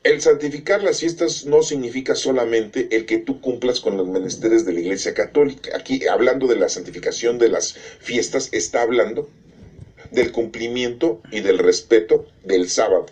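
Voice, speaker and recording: Explaining catechism at normal speed, a middle-aged man speaks in a mid-range, darkish voice. He presses his religious points emphatically, asking rhetorical questions and checking in with those listening.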